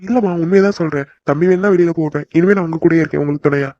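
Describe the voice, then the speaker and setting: A voice actor playing a gentle young son back home in a cartoon, reassuring his mother and sister. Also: medium pitch, racing, dry recording, lo-fi sound, lightly acted. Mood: warm. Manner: soothing, reassuring. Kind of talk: cartoon voice acting.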